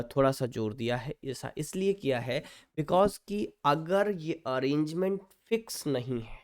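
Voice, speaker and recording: A man with a voice on the high side and a darkish tone teaches English literature, mixing Hindi with English. He frequently checks in with students by asking "ठीक है" and slows way down whenever he dictates definitions.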